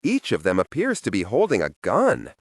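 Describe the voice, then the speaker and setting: A man narrating a first-person audiobook in a wry, expressive storytelling manner, close to the microphone. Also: lowish voice, moderate pace, breathy edge, no room sound.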